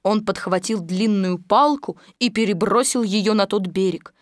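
A woman narrating a children's storybook aloud with an expressive, even-paced reading. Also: mid-range voice, a little slow, no room sound, clean studio sound.

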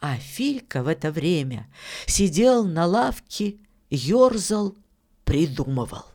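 A narrator tells a fairy tale at an unhurried, deliberate pace, in a calm and measured way. The voice sits at a middle pitch and reads the story with scripted care. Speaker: audiobook narrator.

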